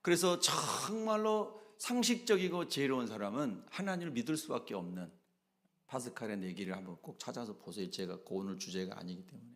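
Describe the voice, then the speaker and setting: A man's voice: mid-range voice, expressive, a little fast, a bit bright. A male pastor preaching a sermon emphatically, often asking the congregation questions.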